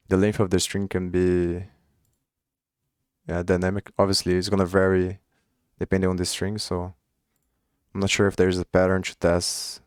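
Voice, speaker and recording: Speaking English with a Brazilian Portuguese accent, a young male coding streamer chats casually and reasons aloud, often restarting or letting phrases trail. His voice sits low and is a little mellow, in a dry recording of studio quality.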